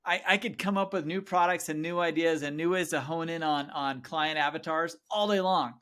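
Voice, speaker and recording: A man's voice: on the high side, moderate pace, bright, forceful tone, clear, resonant tone. Man host, eager and affirming, asks winding questions. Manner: enthusiastic, affirming, rambling questions. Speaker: podcast host. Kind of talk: podcast interview.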